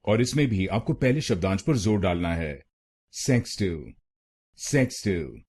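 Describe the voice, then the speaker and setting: A man with an Indian accent giving a scripted pronunciation tutorial, repeating each word slowly and deliberately, syllable by syllable. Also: lowish voice, expressive, a little mellow. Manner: slow, deliberate syllable-by-syllable repetition. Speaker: pronunciation teacher.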